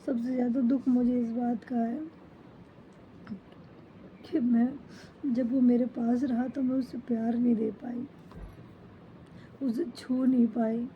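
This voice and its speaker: A middle-aged mother mourns a pet in a personal account, her talk broken into short, halting phrases. Her voice sits a little high. The home recording sounds slightly dull, with a faint hiss underneath. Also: little pitch movement. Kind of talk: emotional personal account to camera.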